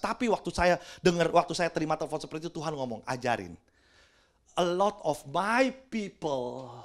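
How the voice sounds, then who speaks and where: A man's voice: fairly high pitch, a bit bright. A middle-aged man preaching a chatty youth sermon in a church, dropping English words in and keeps asking his listeners whether they agree. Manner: keeps asking the audience "right or not?". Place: church with a congregation, also livestreamed.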